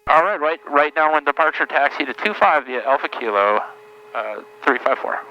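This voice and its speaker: A man's voice: a little high, animated, moderate pace, bright, forceful tone. A man talking over the aviation radio in clipped radio phraseology, calling the tower from a small plane cockpit through a headset. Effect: aviation radio transmission. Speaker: student pilot. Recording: dull radio audio with hiss.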